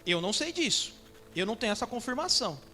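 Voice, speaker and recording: Brazilian male church elder with a sharp, forceful voice, preaching casually with slang and banter, faint music underneath. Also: very high voice, very animated, fast talker. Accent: Brazilian Portuguese. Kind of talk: informal live sermon. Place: church during a Sunday service.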